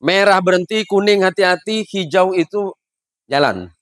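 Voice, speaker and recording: A man's voice: sits high, moderate pace, a bit bright, no echo, clean studio sound, pitched above the performer's own voice. A man doing a bossy traffic cop. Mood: stern. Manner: bossy, questioning. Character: stern male traffic policeman.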